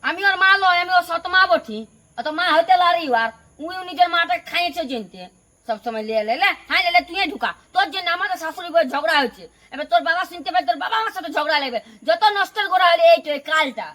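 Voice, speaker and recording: Casting: woman as a sharp-tongued young stepmother, Purulia Bengali accent, bright high voice. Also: fast talker. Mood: defiant. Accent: Purulia Bengali dialect. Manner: sharp, scolding, quarrelsome. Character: harsh young stepmother, quarrelsome and scolding. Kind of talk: village home drama acting.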